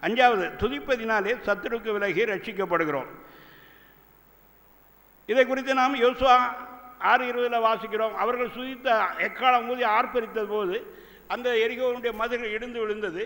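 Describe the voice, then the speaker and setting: An older male pastor preaches a sermon in a voice that sits very high and rings bright. He works slowly through scripture and reads verses aloud into desk microphones. A long hall reverb trails after his words. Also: fairly even intonation. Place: church conference stage, indoors. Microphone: two desk microphones.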